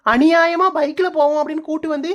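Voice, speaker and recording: A woman's voice: high-pitched, steady tone, fast talker, dull audio, close to an everyday voice. A woman voicing a fussy, sulky young village wife in a cartoon comedy, with a Kanyakumari Tamil accent. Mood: wailing. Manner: whiny, sulky, nagging.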